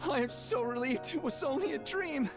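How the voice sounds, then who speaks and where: A woman's voice: high-pitched, normal speed, over music, close to an everyday voice. An actress playing a bewildered, earnest teenage boy hero in a video game, speaking hesitantly. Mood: uneasy, relieved.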